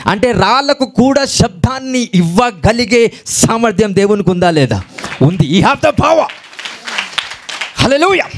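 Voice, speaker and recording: A man with a Telugu accent preaching a sermon, often calling out hallelujah and putting questions to the congregation. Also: a little high. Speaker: pastor.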